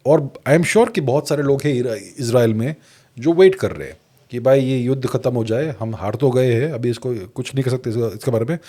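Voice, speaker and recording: Indian man, podcast guest analyst, mellow and warm, measured delivery, Hindi-English mix. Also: mid-range voice, lively intonation. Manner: measured, mixes Hindi with English phrases, restarts words. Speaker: guest geopolitics commentator.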